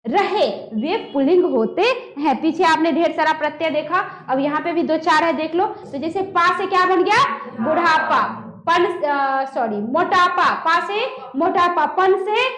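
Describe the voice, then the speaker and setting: Female grammar teacher, very high-pitched, echoey room, quizzes the class and answers her own questions. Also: expressive, unhurried, fairly bright tone. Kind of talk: classroom-style grammar lesson.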